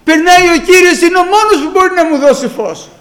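A man's voice: very high-pitched, fairly bright tone, voice pushed up. A man voicing a blind male beggar who cries out desperately and imploringly for mercy. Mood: desperate pleading. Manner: crying out, urgent and imploring.

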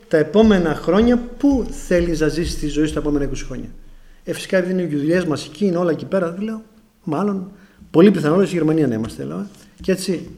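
A man's voice: high voice, a little mellow. A middle-aged Greek man from Greece preaching a testimony sermon, telling a story and often calling out to the brothers.

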